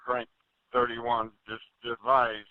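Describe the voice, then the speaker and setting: A man's voice: medium pitch, completely flat delivery, slow pace, smooth, dry recording. A male police officer reporting from the field over a police radio transmission, in terse, urgent bursts. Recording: muffled dry police radio.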